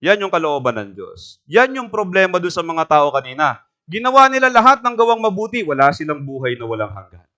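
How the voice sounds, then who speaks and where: A man's voice: fairly high pitch, very animated, fairly quick, sharp tone. A man preaching a sermon in a church, asking the congregation questions and telling a homely story. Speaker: pastor.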